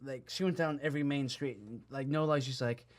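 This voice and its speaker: A young man chatting casually as a podcast co-host, telling animated stories and laughing often. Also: medium pitch, a little fast. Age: young adult. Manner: animated storyteller, acts out voices, laughs often. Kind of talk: casual chat.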